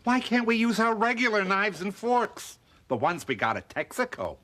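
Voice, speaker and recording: A man's voice: high-pitched, big pitch swings, normal speed, background noise. An actor playing a big, good-natured, dim monster father in a sitcom, blustery and easily alarmed. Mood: puzzled. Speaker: sitcom character. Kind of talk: sitcom acting. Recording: sitcom audio with loud laugh track. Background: studio audience laughter.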